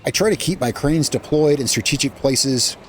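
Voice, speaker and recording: A man's voice: mid-range voice, normal speed, slight background noise. A man hosting a gaming channel, talking through his gameplay in a casual, rambling way that often corrects itself midway. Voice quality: rambling, self-correcting, chatty.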